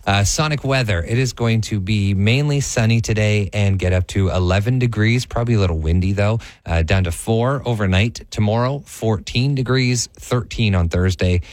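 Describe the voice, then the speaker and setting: A man's voice: lowish voice, moderate pace, hardly any pauses, darkish tone, no room sound, clean studio sound. A man giving a casual traffic and weather update as a radio presenter.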